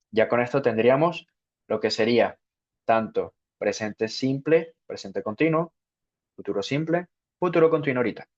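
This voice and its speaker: Male teacher, unhurried lesson delivery, muffled low-fi audio. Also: darkish tone. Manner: slow, repeats "ok" to check understanding. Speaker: English teacher. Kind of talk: spoken grammar lesson. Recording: dull lo-fi sound.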